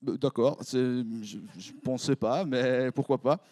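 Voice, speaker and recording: A young man with a Swiss French accent, preaching as a youth pastor in a lively, joking way, quizzing his congregation. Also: mid-range voice, no room sound, clean studio sound. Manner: playful, jokey, quick asides to the crowd. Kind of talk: lively sermon with audience interaction. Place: church hall before a congregation.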